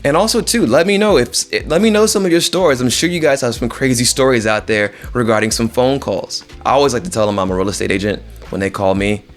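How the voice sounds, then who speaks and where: A man addresses viewers directly as a real estate agent, keeping it informal and conversational and repeating phrases for emphasis. His mid-range voice moves at a quick pace with hardly any pauses.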